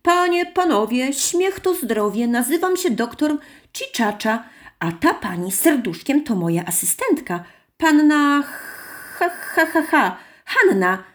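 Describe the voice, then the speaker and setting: A woman's voice: high voice, sing-song, slow, fairly bright tone, voice pushed up, heavily acted. A woman voicing a jolly circus clown who announces himself to children like a showman. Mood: showy.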